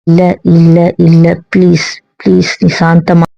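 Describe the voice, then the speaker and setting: Coaxing wife in a comedy skit, mid voice; dry, dull recording. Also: female voice, lowish voice, monotone, a little slow, creaky, mellow, no room sound. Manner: pleading, coaxing, repeats herself. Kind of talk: comic couple skit. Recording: dull lo-fi audio.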